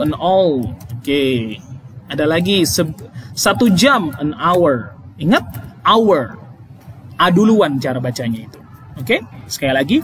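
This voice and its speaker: A man's voice: fairly high pitch, fairly bright tone, a little hiss or hum. A male English teacher explaining grammar in a lesson, emphatic, repeating key points and checking with "oke?".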